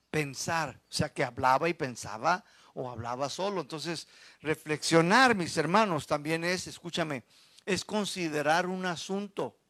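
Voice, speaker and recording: High-voiced pastor preaching fervently. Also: male voice, no room sound. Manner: fervent, swings from loud exhortation to low confiding asides. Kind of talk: sermon. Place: church.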